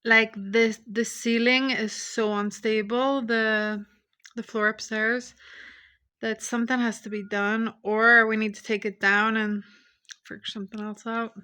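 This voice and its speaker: A woman's voice: on the high side, flat delivery, unhurried, bright, forceful tone, clean tone. A young woman vlogging casually from home, talking candidly and venting about her frustrations while snacking. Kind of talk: casual vlog chat. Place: indoors at home.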